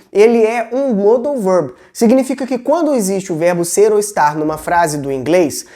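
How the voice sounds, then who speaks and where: A woman with a Brazilian Portuguese accent gives a video lesson, explaining step by step in a patient, talky way. Her voice sits at an ordinary middle pitch. She keeps pausing to check that the viewer is following. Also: mellow. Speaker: English teacher.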